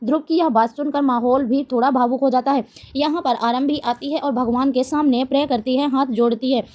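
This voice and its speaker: A woman narrates an upcoming-episode recap of a daily soap, walking through each scene in a steady storytelling manner. Her voice is notably high for a woman. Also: fairly quick. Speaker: TV serial update narrator. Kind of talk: scripted plot recap narration.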